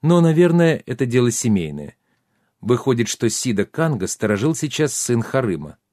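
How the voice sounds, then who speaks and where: A man giving steady, measured scripted narration of a fantasy audiobook. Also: mid-range voice, no echo, clean studio sound.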